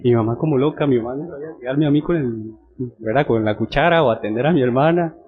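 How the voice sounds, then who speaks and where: A man's voice: medium pitch, quick pace, phone-quality sound. A young man from Costa Rica with a Costa Rican accent, preaching a sermon and telling a personal story in a conversational way, often checking in with his listeners. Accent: Costa Rican Spanish. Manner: conversational, checks in with frequent tag questions. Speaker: pastor.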